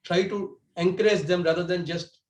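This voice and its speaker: The audio is poor and the room echoey as a man with a high, steady-toned voice gives a prepared club speech over a video call at a moderate pace. He sounds earnest, restarting and correcting himself along the way.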